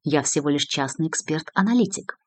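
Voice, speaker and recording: A woman's voice: sits low, lively intonation, a little fast, darkish tone, dry recording. A woman reading the lines of a composed male private investigator with a dry, ironic manner. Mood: calm.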